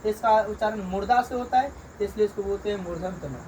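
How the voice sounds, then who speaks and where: A man, a teacher slowly drilling beginners through letters and sounds in a reading lesson, repeating each one. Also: high-pitched. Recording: distant mic, loud crickets and traffic.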